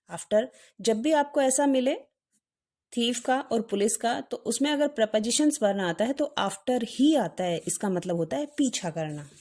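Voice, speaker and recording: A woman teacher works through a workbook, explaining each answer step by step. She keeps asking the class questions and answering them herself. Her voice sits a bit high but sounds warm and mellow. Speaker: English teacher.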